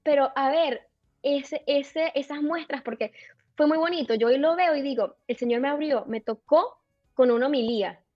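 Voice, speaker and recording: A high-pitched woman tells a story in a lively, filler-heavy way on a podcast. The sound is dry and close, and the audio is a little dull and lo-fi. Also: normal speed, dry recording, soft background music. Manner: animated, filler-heavy retelling with many "o sea". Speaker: podcast guest. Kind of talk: casual storytelling interview.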